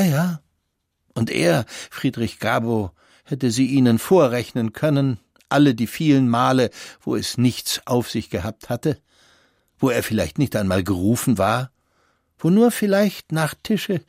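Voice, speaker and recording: A man's voice: mid-range voice, gravelly, no echo. Man narrating a classic novel, dry sound. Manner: measured, expressive storytelling. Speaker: audiobook narrator. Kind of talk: scripted literary narration.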